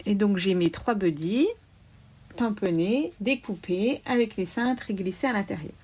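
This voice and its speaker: A woman calmly explaining a card-making craft step by step, with little asides as she works. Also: mid-range voice, husky. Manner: slow, explaining each step aloud, small "hop" asides. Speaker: craft demonstrator.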